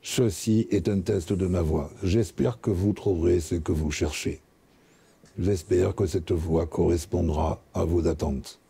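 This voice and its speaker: A man's own voice run through AI voice conversion, reading test sentences slowly in a deep, disguised actor's voice. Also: fairly even intonation, vocal fry, warm tone, husky, heavily acted.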